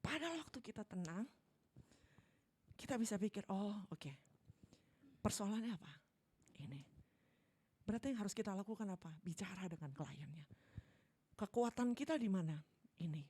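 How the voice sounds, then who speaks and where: A middle-aged woman preaching a sermon in a church service, acting out worried voices and swinging between loud outbursts and hushed lines. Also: mid-range voice, expressive, brisk, pauses often, slightly rough.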